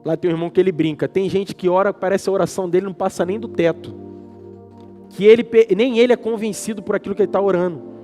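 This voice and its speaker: A high-pitched man preaches in Brazilian Portuguese at a church service, throwing questions out to his congregation. His delivery is emphatic, with call-and-response. Soft music plays faintly behind him. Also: fairly even intonation, quick pace. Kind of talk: sermon.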